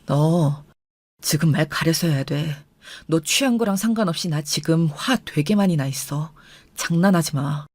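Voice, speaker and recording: A woman voicing a furious young husband who speaks in a low, firm, clipped way. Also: expressive, brisk, fairly bright tone, no echo, clean studio sound. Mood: angry.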